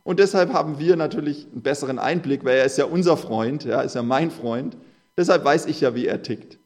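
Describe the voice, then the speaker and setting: A man preaching a conversational sermon, earnest, slowing down and stressing words when he reads scripture. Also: a little high, darkish tone.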